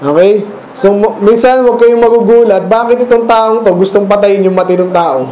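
Filipino preacher with a high, dark voice. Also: male voice, moderate pace, a little hiss or hum. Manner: keeps checking in with rhetorical questions. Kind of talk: conversational Bible teaching sermon. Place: church. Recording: echoey church room, dull lo-fi sound.

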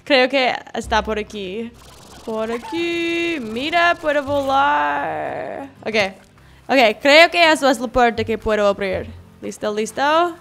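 Young woman, for relaxed gameplay commentary; high, animated delivery, talks to creatures, squeals when startled. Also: slow pace. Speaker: gaming video creator. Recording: faint background game music.

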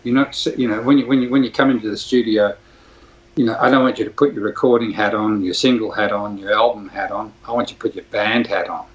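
A man's voice: on the low side, steady tone, fast, husky. An older Australian man, a music producer, reminiscing in a rambling phone interview with many restarts. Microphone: phone line. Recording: dull lo-fi phone audio.

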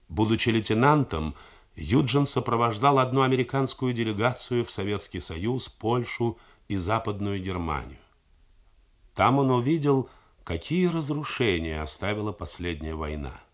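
Measured and theatrically expressive, with broad pitch swings, a middle-aged man narrates a novel in a manner reminiscent of 1980s studio radio.

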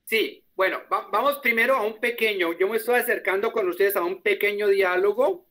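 A man teaching a German lesson online, explaining patiently and repeating words slowly. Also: high-pitched, pushed and bright.

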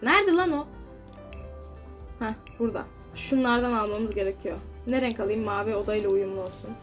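A young woman giving casual gameplay commentary, chatty and exasperated, scolding the characters on screen. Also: a little high. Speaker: gaming YouTuber.

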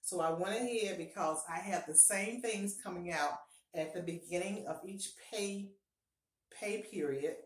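A middle-aged woman with a lowish voice and measured pace gives upbeat, encouraging budgeting advice to camera in a casual home vlog, frequently repeating key points. She's a personal finance vlogger, filmed indoors by a fixed camera up close in a small bathroom that sounds echoey.

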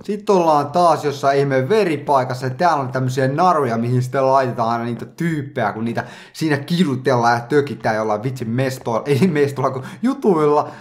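A man's voice: medium pitch, few pauses, a little hiss or hum. Man chatting through a horror game. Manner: chatty, joking, reacts aloud to what he sees. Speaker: gaming channel host. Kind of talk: let's play commentary.

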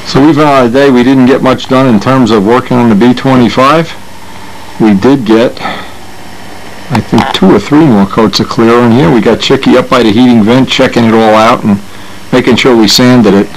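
Showing parts around his home workshop, a man with a medium-pitched voice hosts a model airplane channel at a moderate pace. His talk is casual and meandering, with frequent restarted sentences, and the rough recording carries a slight hiss or hum.

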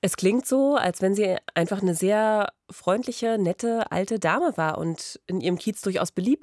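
This is a deep, slightly mellow female voice with no echo, belonging to a woman in her thirties who co-hosts a chatty true-crime podcast. She records in a small radio studio on a close studio mic mounted on a boom arm.

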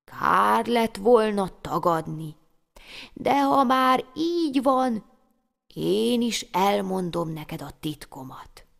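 A woman voicing a kindly, wise old woman in a storybook tale, speaking slowly in a hushed, half-whispered way. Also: mid-range voice, expressive, gravelly. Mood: gentle, knowing. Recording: long hall reverb.

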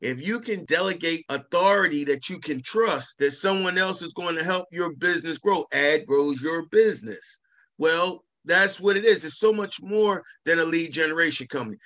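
A man's voice: a little high, moderate pace, fairly bright tone. A middle-aged man who owns a carpet cleaning business, speaking casually and emphatically as a guest and repeating his key points like a salesman. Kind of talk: casual testimonial chat.

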